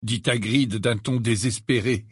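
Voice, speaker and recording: A man reading an audiobook narration in an expressive manner, close to the mic. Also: a little slow, breathy edge, dry recording. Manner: expressive, swinging widely in pitch.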